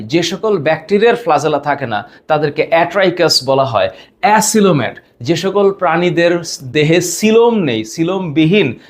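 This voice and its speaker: Man teaching terms, slightly high voice. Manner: explains terms step by step, raising pitch on each new term. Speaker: biology teacher. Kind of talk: short educational explainer.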